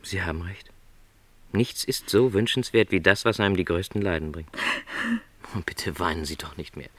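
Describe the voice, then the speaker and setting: In a literary radio drama, an actor voices a gentle, lonely, middle-aged travelling salesman, speaking in a low voice that's measured, reflective and hesitant. His mood is gently consoling.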